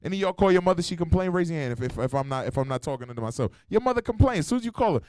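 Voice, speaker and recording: A man's voice: on the high side, expressive, rapid-fire, a little mellow, clear, resonant tone, no echo. A male preacher delivering a blunt, slangy sermon, swearing and throwing rhetorical questions at his congregation. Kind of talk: street-style sermon. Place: church meeting hall.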